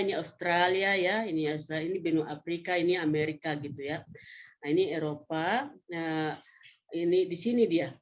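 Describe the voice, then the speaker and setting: A North Sumatran woman in her fifties, a vocational education professor, informally presents slides during a webinar. She speaks in a conversational, faltering way, often correcting herself, with a mid-range voice.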